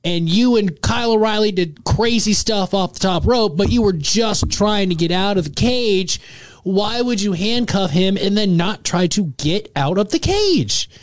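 A man's voice: high voice, expressive, a little slow, no room sound. A man on a wrestling panel chatting casually and argumentatively, making his case with rhetorical questions. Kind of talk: opinionated casual sports chat.

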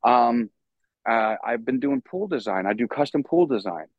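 A man's voice: mid-range voice, lively intonation, normal speed, no echo, lo-fi sound. A man from New York, a guest on a podcast, telling stories in a loose, rambling way with lots of fillers and casual swearing. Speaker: podcast guest, stagehand and musician. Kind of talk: casual storytelling chat.

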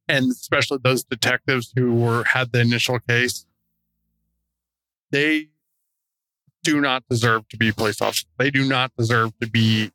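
A man with a medium-pitched, forceful voice talks as a podcast co-host. He is frustrated and emphatic, halting as he searches for words, with music behind him. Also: poor audio. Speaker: true crime podcast co-host. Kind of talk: conversational opinionated commentary.

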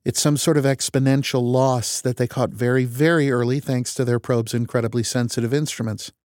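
A man voicing a glum, weary woman government scientist in her forties, in a flat, reluctant delivery. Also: mid-range voice, brisk, no room sound, studio quality, voice pushed up, close to an everyday voice. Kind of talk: audiobook character voice.

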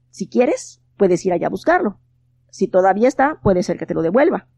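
A woman voicing a small mischievous male forest elf for a storybook, high and teasing. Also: a little mellow, no echo.

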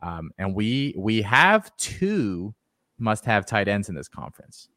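Low-ish guy hosting a sports podcast, confident picks, dry close sound. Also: moderate pace, fairly bright tone, no room sound. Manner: confident, gives firm picks and advice. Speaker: podcast host. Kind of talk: casual sports analysis chat.

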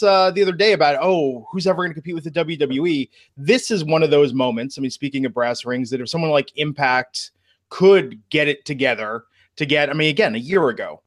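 A man's voice: fairly high pitch, a bit bright, no echo, studio quality. A man co-hosting a podcast, chatting casually and animatedly about wrestling news. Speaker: podcast co-host. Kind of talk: casual wrestling talk chat.

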